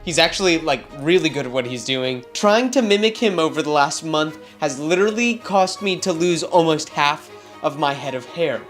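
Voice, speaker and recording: A young man in his mid-twenties vlogs to camera in a loose, chatty voice pitched a little high. He pokes fun at himself and drifts into rambling asides. Faint music plays quietly behind him. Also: expressive, moderate pace. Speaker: vlogger. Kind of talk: casual vlog talk to camera. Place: outdoors in summer heat, then indoors.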